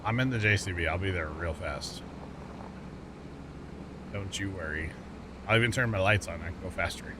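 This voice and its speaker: A middle-aged livestream host chats casually while gaming, using a low voice at normal speed with long pauses. He's jokey and teasing toward his co-player and hums as he plays, over game vehicle engine noise.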